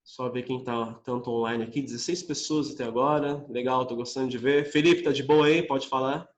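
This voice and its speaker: A young Brazilian man teaching an online English class, chatting casually with students and reading English phrases slowly and clearly. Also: mid-range voice, fairly even intonation, roomy sound. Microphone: computer mic on a video call.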